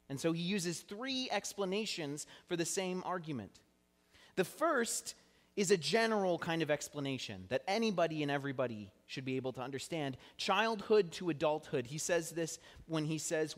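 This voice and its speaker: A young man preaching a sermon, explaining scripture in an earnest teaching tone with touches of self-deprecating humor. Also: a little high. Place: church sanctuary. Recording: long hall reverb.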